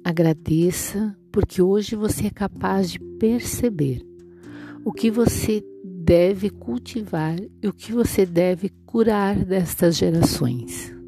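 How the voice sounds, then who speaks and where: A woman leading a guided relaxation meditation in a soothing, unhurried, instructing way. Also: fairly low pitch, warm tone. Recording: music playing behind the voice. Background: instrumental music.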